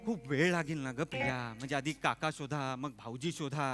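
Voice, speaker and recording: A man's voice: mid-range voice, brisk, natural voice. A man playing a joking, evasive young fiancé in a stage comedy sketch, chatty and tripping over his words. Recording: stage sketch with background music.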